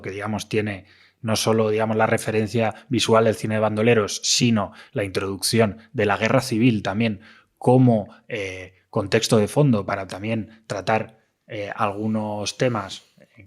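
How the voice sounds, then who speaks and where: Measured male film podcast host. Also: on the low side. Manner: measured, with hesitations. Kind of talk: casual film discussion.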